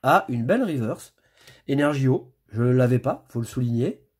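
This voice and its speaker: A man with a husky, slightly rough voice at a middle pitch talks his way through opening trading card packs. He rattles off card names as he flips and reacts to each pull in a loose, chatty way. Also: expressive, normal speed. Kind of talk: casual pack-opening commentary.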